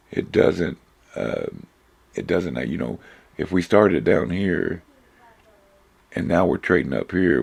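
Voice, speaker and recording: A man with an extremely deep voice and a heavy gravelly rasp talks through a trading lesson. He is hoarse from losing his voice, and his husky tone still swings up and down a lot as he explains, correcting himself often in an easygoing, informal way. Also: a little mellow. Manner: informal, rambling, many fillers and self-corrections. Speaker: trading instructor. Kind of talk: casual screen-share charting lesson.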